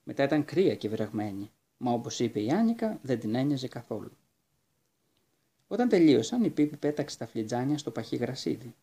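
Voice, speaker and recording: Husky, gravelly male storyteller. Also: mid-range voice. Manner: lively, expressive storytelling. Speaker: narrator. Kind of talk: audiobook reading of a children's book.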